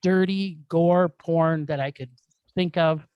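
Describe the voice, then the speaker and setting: A woman's voice: sits low, fairly even intonation, slow, clean tone, dry recording, lo-fi sound. A woman co-hosting a film podcast, ranting with exasperation and plenty of swearing. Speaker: podcast co-host. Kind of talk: casual film review chat. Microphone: studio mic.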